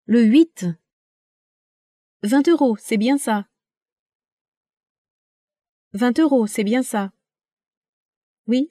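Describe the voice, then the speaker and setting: A woman reading short practice phrases for a language lesson, carefully and deliberately, one phrase at a time. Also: on the high side, warm tone, dry recording, clean studio sound.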